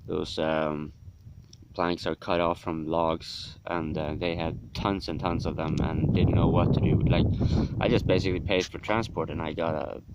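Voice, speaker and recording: A hungover man who is a native Norwegian speaker, rambling casually in a halting, musing, self-deprecating way for a vlog. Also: low voice, steady tone, highs cut off, heavy background noise. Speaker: vlogger.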